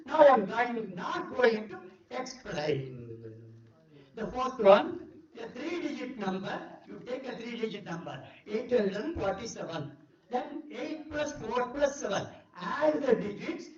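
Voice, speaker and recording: An older former teacher with an Indian English accent talks through number puzzles in a drilling, repetitive classroom manner. The voice sits mid-range and sounds distant in a roomy, echoing hotel hall. The pickup is dull and lo-fi. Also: mid-range voice. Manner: repetitive, drilling, asks "clear?" often. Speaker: former teacher giving a talk. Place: large hotel event hall.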